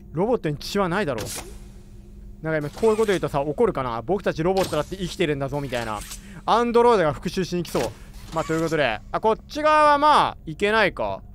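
A man doing chatty, excitable commentary while playing a horror game, reacting aloud with jumpy exclamations. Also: high voice, a little hiss or hum. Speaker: gamer. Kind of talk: let's play commentary.

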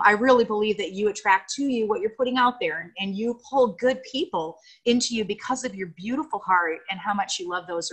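A woman's voice: mid-range voice, a bit bright, slightly rough, low-quality recording. Gushing American woman on a video call. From United States. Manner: gushing, emotional, rambling with fillers. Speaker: guest speaker on video call. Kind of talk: heartfelt tribute speech.

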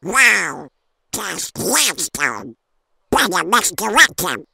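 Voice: mid-range voice, very animated, drawn-out words, creaky, bright, forceful tone, slightly rough, dry recording, clean studio sound, heavily acted. Squawky, scratchy cartoon duck. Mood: sly. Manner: theatrical self-narration, blustering. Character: irritable, scheming male cartoon duck, grandiose and put-upon. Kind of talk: amateur comic dub acting.

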